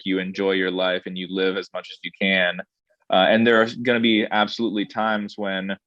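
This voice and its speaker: A restaurant director answering interview questions in a thoughtful, measured way, pausing with ums and restarting his phrases. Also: on the low side, a bit bright, no room sound, highs cut off. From born in Saudi Arabia, grew up in Indonesia.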